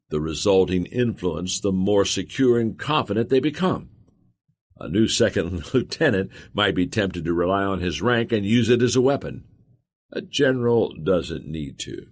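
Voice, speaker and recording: A man reading a nonfiction audiobook aloud with expressive, emphatic delivery. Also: sits low. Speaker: audiobook narrator.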